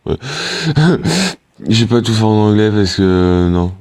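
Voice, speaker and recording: Teen male gamer, low voice, casual hesitant rambling commentary, dry sound. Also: fairly even intonation, normal speed, warm tone, clean tone, no room sound. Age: teenager. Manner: rambling and hesitant, many fillers and restarts. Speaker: gaming YouTuber.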